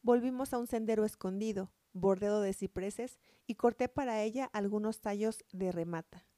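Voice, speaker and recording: A woman narrating a story in a measured, unhurried reading style. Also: mid-range voice, dark tone, no room sound.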